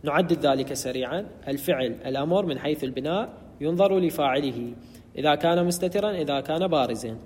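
A man lectures on grammar in a steady, methodical way, repeating terms and stopping to correct himself. His voice sits a little high for a man. The recording carries a long, lingering reverb. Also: fast. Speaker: Arabic grammar teacher. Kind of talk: explanatory lecture.

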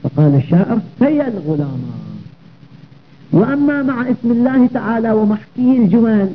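High-voiced male grammar teacher, tinny audio. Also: lively intonation, fast talker, a little hiss or hum. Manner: explains step by step, checks understanding with rhetorical questions. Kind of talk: Arabic grammar lesson.

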